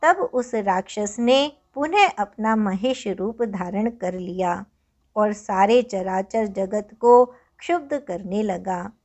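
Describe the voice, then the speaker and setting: A woman narrating a scripture story as a devotional reader, with measured, solemn recitation. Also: mid-range voice, darkish tone, lo-fi sound.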